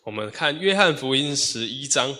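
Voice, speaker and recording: A man interpreting a sermon phrase by phrase in a church hall, in a steady manner. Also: mid-range voice, normal speed. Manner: steady, echoes each phrase after the preacher.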